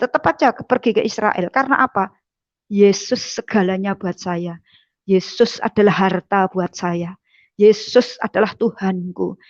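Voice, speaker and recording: A woman's voice: fairly high pitch, no room sound, lo-fi sound. A woman giving a fervent testimony sermon, often dropping her voice on a repeated address to the congregation. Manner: fervent, drops voice on repeated "saudara".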